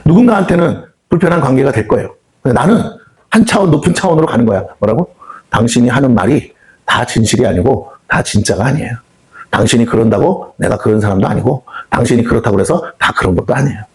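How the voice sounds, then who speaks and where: Fast-talking preacher man, quizzing the crowd. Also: mid-range voice, expressive, darkish tone. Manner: call-and-response questions to the congregation; acts out quoted reactions with sighs. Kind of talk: sermon. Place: prayer house meeting hall.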